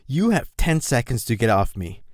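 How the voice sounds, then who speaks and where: A man's voice: mid-range voice, big pitch swings, normal speed, dry recording, clean studio sound. A man doing a grumpy big-brother pony. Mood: curt. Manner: curt, threatening. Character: grumpy older brother pony, young adult male.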